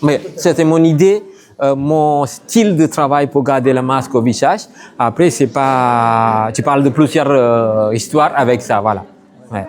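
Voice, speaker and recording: Sri man in halting French. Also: medium pitch. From Sri Lanka. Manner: halting, broken French with many hesitations. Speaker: artist. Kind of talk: interview at an exhibition.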